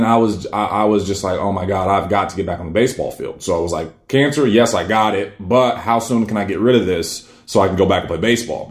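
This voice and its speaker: Male, 30s, casual storyteller, earnest and rambling, lowish voice, roomy echo. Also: darkish tone. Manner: rambling, many fillers and restarts, earnest. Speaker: cancer survivor telling his story. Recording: echoey room.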